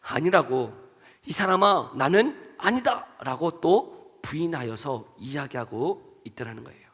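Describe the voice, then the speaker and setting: Korean pastor guy preaching, high voice, acts out the people in the story, keeps asking the crowd questions, long church-hall echo. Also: husky. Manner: asks the congregation many questions. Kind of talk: sermon. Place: church sanctuary.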